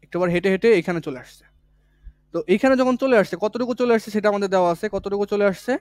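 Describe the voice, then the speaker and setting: A man's voice: high voice, racing, a little mellow, clear, resonant tone. A man teaching physics in for exam prep, explaining step by step and repeating the key points in a casual, colloquial way. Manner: colloquial, with village words. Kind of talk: online exam-prep lesson.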